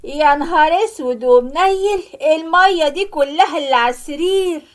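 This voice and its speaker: A woman voicing a sharp-tongued young married daughter who scolds loudly, with an Egyptian accent, in an animated story. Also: sits high, fairly quick. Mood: scolding. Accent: Egyptian Arabic. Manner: loud, harsh and scolding.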